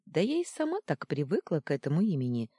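A storyteller voicing a kind, gentle aunt who talks soothingly in an audiobook. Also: mid-range voice, wildly swooping pitch, fast, breathy edge, dry recording, clean studio sound. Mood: amused.

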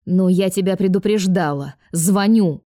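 A woman's voice: lowish voice, measured pace, warm tone, lightly acted. A woman voicing a suspicious, blunt grown daughter who mocks and threatens. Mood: mocking. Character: tall grown-up daughter, suspicious, gruff and mocking.

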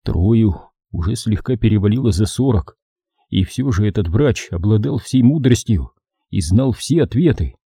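A male audiobook narrator who reads at a steady, measured pace. His voice is very dark and husky and sits low. The recording is dry and close to the mic. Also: dry recording. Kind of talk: scripted narration.

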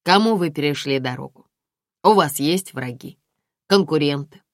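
A woman's voice: sits low, animated, dry recording. A woman reading an audiobook, voicing a male police investigator who speaks formally and drily. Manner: formal, measured, dry. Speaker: audiobook reader.

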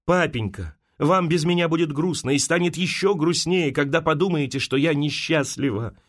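A man's voice: fairly high pitch, moderate pace, close to an everyday voice. A man reading an audiobook, voicing a frightened young noblewoman who pleads with her father in a raised, tearful voice. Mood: pleading.

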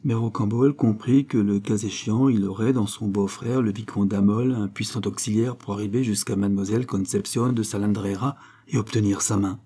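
A man narrating a classic novel as an audiobook, with an even storytelling delivery. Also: lowish voice, a little fast, husky. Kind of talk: scripted narration.

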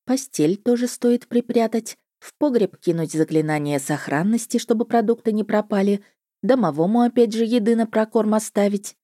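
A woman narrating a first-person fantasy audiobook, telling it in a lively, wry way with sharp retorts. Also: medium pitch, moderate pace, no room sound, studio quality.

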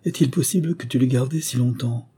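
Fretful peasant mother in a fairy tale, exclaiming, voice lifted higher, as the male narrator puts her on. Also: a little fast, dark tone, breathy edge. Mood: worried. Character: anxious peasant wife and mother.

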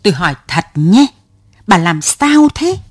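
A man's voice: sits high, big pitch swings, measured pace, dry recording, clean studio sound, heavily acted. A woman voicing an elderly male cyclo driver who loses his temper and snaps at a passenger, in a storybook reading. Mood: angry. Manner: exasperated, snapping.

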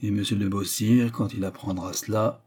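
A man reads aloud in a lowish, darkish voice close to his everyday one, at a moderate pace with fairly even intonation and a little hiss or hum. The character is a scheming, persuasive noblewoman adventuress of middle age who frightens her young companion with feigned sweetness. Mood and manner are menacing, persuasive and insistent.

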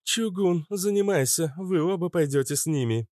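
Haughty young nymph woman, voiced by a male narrator; high, imperious, mocking. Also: moderate pace, darkish tone, no room sound, studio quality, lightly acted. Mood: scornful.

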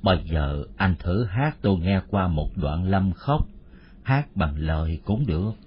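A man voicing a grieving old widower in his sixties who speaks slowly and weighs every question. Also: low-pitched, lively intonation, a little hiss or hum. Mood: wary, grave. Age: 60s. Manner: slow, measured, gravely questioning. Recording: muffled lo-fi audio.

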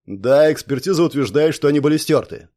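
A stout prosecutor of about fifty, officious and stiff, as a man reads him. His tone stays formal and fairly high in this audiobook. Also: lively intonation, fairly quick, dark tone, close to an everyday voice. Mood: subdued.

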